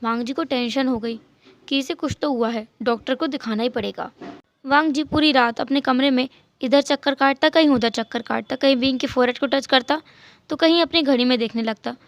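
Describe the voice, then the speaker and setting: A woman narrating a fan story in a lively retelling with English words mixed in. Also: high-pitched, a little fast, highs cut off.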